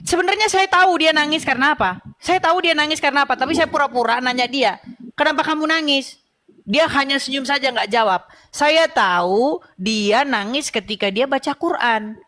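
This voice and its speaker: A woman's voice: high-pitched, a little fast, a bit bright. A woman hosting a religious debate call, persistent and lecturing, telling anecdotes and laughing at her own points. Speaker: channel host in religious debate.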